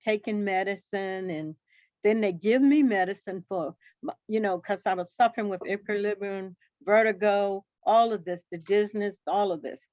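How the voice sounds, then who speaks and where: A woman on a video call telling her story in an emphatic, animated way. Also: mid-range voice, normal speed, no room sound. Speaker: new team member. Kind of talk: casual testimonial on a video call. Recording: dull video call audio.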